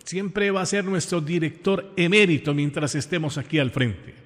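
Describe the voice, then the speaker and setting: There's a long reverb tail on this slightly high, somewhat bright man's voice, moving at normal speed. He's a Colombian radio host from Pereira with a Colombian accent, speaking informally and effusively to his listeners with affection, often repeating phrases for emphasis.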